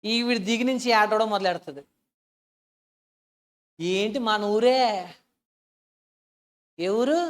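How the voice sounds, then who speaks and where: A woman with a somewhat high voice preaches a sermon built on personal stories. She talks earnestly and emotionally, asks her listeners questions, and swings between soft, hushed passages and loud outbursts.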